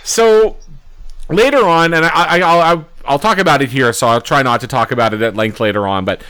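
A man with a clear, resonant voice at an ordinary pitch recaps a movie for a podcast. He is laid-back and chatty, filling pauses and swearing lightly. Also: sharp tone. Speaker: podcast co-host. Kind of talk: casual movie review chat.

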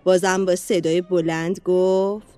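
A woman narrating a children's storybook in a lively, expressive read-aloud manner. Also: lowish voice, no room sound, soft background music.

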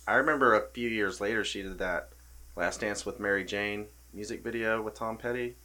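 Lowish, bright-voiced man, blunt and sweary. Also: fairly even intonation, a little fast. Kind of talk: casual podcast chat.

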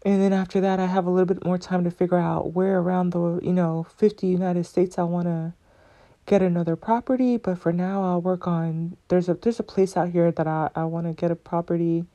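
A woman hosting her own podcast, rambling playfully from one thought to the next. Her voice is low and mellow, with a relaxed, unhurried warmth. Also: highs cut off. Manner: chatty, playful, rambling with fillers. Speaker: podcast host. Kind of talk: casual chat.

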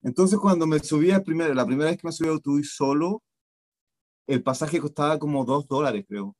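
A man's voice: fairly high pitch, a little fast, dry recording. Chilean man telling an anecdote. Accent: Chilean Spanish. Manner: animated storyteller, acts out voices. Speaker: guest.

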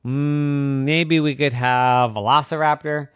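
A man voicing an excitable young male stegosaurus in a bedtime story, talking in eager, high, breathless bursts. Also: slow pace, clean tone, dry recording, clean studio sound. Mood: musing.

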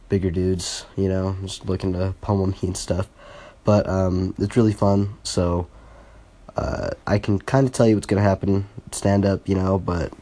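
A teenage boy hosts his first solo podcast in a warm voice that sits low. He talks casually and hesitantly, with many fillers and restarts, coming across as earnest and a little self-conscious.

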